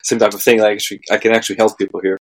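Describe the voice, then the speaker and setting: A man's voice: lowish voice, little pitch movement, racing, low-quality recording. A man hosting a podcast interview, asking long, rambling questions. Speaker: podcast host. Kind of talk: casual interview chat.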